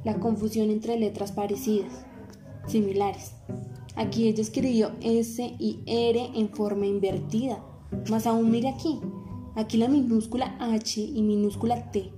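A woman playing a caring teacher in a dubbed film, explaining slowly and earnestly over background music. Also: a little high, steady tone, close to an everyday voice. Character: patient caring female teacher, adult.

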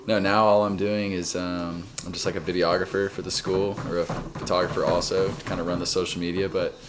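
A man's voice: low voice, flat delivery, brisk. A man in his twenties with a Southern US accent, a podcast guest chatting in a laid-back, joking way. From Texas. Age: 20s. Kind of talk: casual chat. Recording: live room with crowd noise behind.

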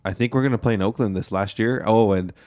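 A young American man with a fairly deep, dark-toned voice co-hosts a sports podcast. He talks like a frat bro, casual and slangy, swearing freely. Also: fast talker.

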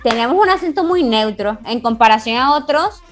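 A young woman with a Venezuelan accent and a fairly high voice, bubbly and teasing, who laughs often as she chats. Faint music sits quietly behind her. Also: lively intonation, fairly quick. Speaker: podcast co-host. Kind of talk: casual chat.

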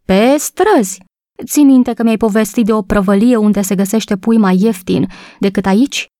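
A woman's voice: warm tone, no room sound, natural voice. A woman reading a storybook voices an agitated housewife close to tears, talking breathlessly. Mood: flustered. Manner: breathless, high-strung, tearful.

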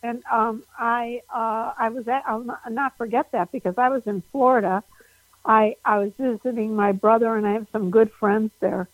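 Breathy, animated woman comedian. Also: fairly high pitch, moderate pace, no echo, low-quality recording. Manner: animated, laughs often, restarts sentences. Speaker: stand-up comedian. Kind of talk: casual phone interview. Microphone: phone.

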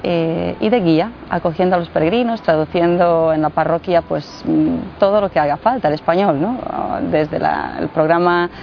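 Woman in her 40s from bosnia, not a native speaker, lots of ums, fairly low voice, muffled audio with a bit of hiss. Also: normal speed, vocal fry, few pauses. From Bosnia and Herzegovina. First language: Croatian. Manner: hesitant, many fillers. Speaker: guest, translator and guide. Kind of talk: interview. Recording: muffled with faint noise.

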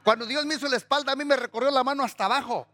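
A man preaching a sermon as pastor, lively and full of humorous personal stories. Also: extremely high pitch, rapid-fire, soft background music.

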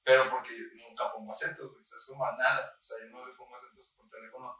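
A man's voice: medium pitch, flat delivery, very fast, bright, forceful tone. Slangy Mexican guy in an echoey room. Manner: slangy, rambling, says "güey" constantly. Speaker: podcast co-host. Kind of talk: casual chat. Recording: echoey room, far from the mic, faint noise.

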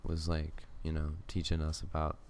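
A man's voice: a bass voice, monotone, moderate pace, darkish tone, a little hiss or hum. A young man, a college student, telling a story in easygoing casual chat with many fillers. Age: young adult.

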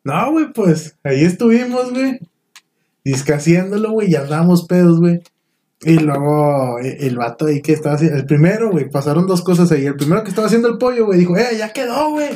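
A man's voice: on the high side, lively intonation, fast talker, warm tone. A young man with a Mexican accent telling a party story in slangy casual chat, saying "güey" often. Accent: Mexican Spanish. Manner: slangy, says "güey" constantly. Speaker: podcast guest.

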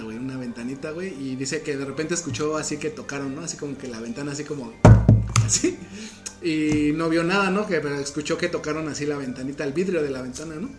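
A young man with a Mexican accent, casually telling spooky family stories in slangy, laughing speech. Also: a little high. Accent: Mexican Spanish. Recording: echoey room with faint music.

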